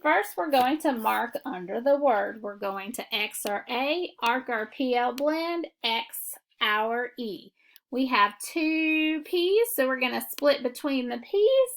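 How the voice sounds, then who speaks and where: A woman teaching a phonics lesson, walking through syllable marking step by step in a deliberate classroom manner. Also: high-pitched, animated, a bit bright. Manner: slow, deliberate classroom instruction. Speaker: reading teacher.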